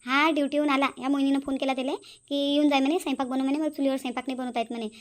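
A woman's voice: high-pitched, flat delivery, rapid-fire, close to an everyday voice. A woman voicing a quarrelsome middle-aged mother-in-law in a cartoon, nagging and accusing. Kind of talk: cartoon voice acting.

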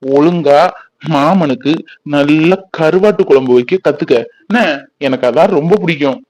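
A man's voice: fairly high pitch, moderate pace, a little mellow, dry recording, natural voice, poor audio. A young man, playing a teasing, boastful village youth who dotes on his sweetheart. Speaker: actor in a family fan drama. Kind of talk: village romance drama acting.

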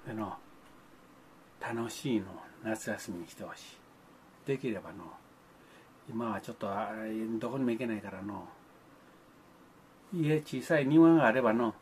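Older man, vlogger addressing kids. Grandfatherly, old-fashioned phrasing, mid-pitched, faint hiss behind. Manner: grandfatherly, old-fashioned speech, playful sound effects. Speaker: vlogger talking to children. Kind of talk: folksy monologue to the camera.

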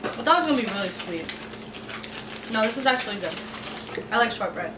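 An American woman talks through a mouthful as she chews, in a laid-back, casual way. Her voice sits a bit high. She is heard from a distance in an echoey room over steady background noise. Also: fast. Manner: laid-back, fills talk with "like". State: chewing. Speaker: snack-tasting vlogger. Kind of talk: casual chat. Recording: echoey room, far from the mic, noisy.

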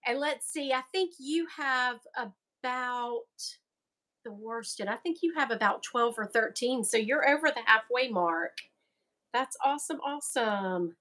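A woman's voice: a little high, unhurried, sharp tone. A middle-aged woman from the American South, hosting a knitting podcast in casual, rambling chat and laughing often. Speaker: podcast host.

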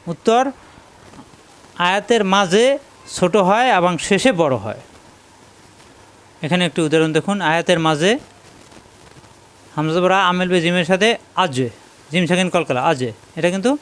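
A man with a Bangladeshi Bengali accent leads a question-and-answer lesson, his voice pitched high for a man. He takes his time and goes over each term again and again so learners can memorize it. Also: clear, resonant tone. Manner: slow, drilling, repeats key terms. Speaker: Quran teacher.

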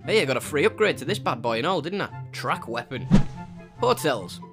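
A young man from northeast England, with the region's accent, narrates a travel vlog voice-over full of cheeky, jokey asides. His voice is a little high with big pitch swings and a slightly fast pace, over a clear music bed.

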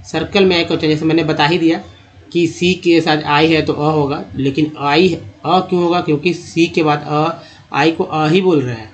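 A man with a slightly higher-pitched voice leads a spoken lesson on English pronunciation. He talks patiently and repeats himself. He slows down to spell out letters and sound out each word. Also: steady tone. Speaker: English teacher.

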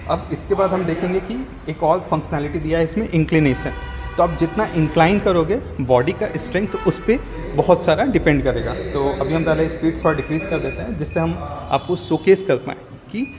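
Young man explaining in a reverberant gym. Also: fairly high pitch. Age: young adult. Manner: steady instructive tone, mixing in English words. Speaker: gym member. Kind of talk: on-camera explaining, casual. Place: indoor gym. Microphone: lapel mic. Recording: reverberant gym with faint ambient noise.

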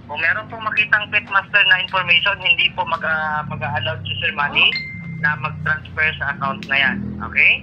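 A man's voice: fairly high pitch, steady tone, normal speed. A man speaking over a phone line as a caller posing as customer service, polite and formal. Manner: polite, formal, scripted-sounding. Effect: heard over a phone line. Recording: muffled phone line with background noise.

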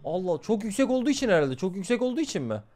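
Excitable, foul-mouthed young male streamer. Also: sits high, very fast, soft background music. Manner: excitable, swears constantly, talks to chat. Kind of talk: live gameplay commentary.

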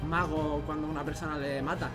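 A young man giving hyper, teasing gameplay commentary as a streamer, bursting into shouts. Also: on the high side, flat delivery, a little fast, over loud music. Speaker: gaming streamer.

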